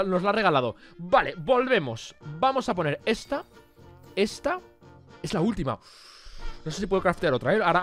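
A young man with an accent from Spain, commentating his game to viewers and shouting at the big wins and the bad luck. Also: high-pitched. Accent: Spain Spanish. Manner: addresses viewers as "chavales", shouts at big rolls. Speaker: gaming youtuber. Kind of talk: excited gameplay commentary.

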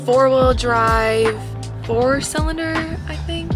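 Speaking slowly in a high-pitched voice, a bubbly, giggly young woman vlogger chats through a tour of her parked car from the driver's seat. She records with a handheld phone camera, and music plays in the background.

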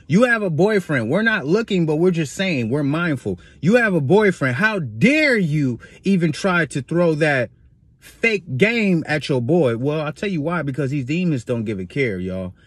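A man's voice: a little high, no room sound. A man vlogging a casual, emphatic story with preachy asides to his viewers.

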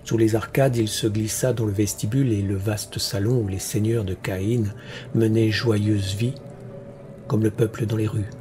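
A man narrating a fantasy story for an audiobook in a measured, deliberate way. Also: lowish voice, fairly even intonation, dark tone, soft background music.

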